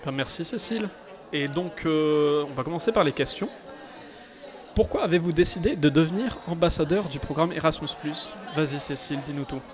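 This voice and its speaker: A man's voice: fairly high pitch, normal speed. A man hosting a radio panel at a public event, hesitant with many fillers. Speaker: radio host. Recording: crowd noise at a public event. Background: crowd chatter.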